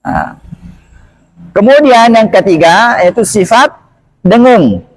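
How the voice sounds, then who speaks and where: A man with a fairly high voice teaches the rules of Quran recitation at an unhurried pace. He models each example word slowly, several times over, and checks his listeners with short questions. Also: wildly swooping pitch. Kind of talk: tajwid lesson.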